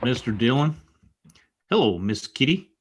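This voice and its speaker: Voicing a devoted, worried frontier deputy for radio, the actor uses a rural drawl and humble manner in a husky, medium-pitched male voice. His delivery is sing-song and measured, with a folksy, hurried feel.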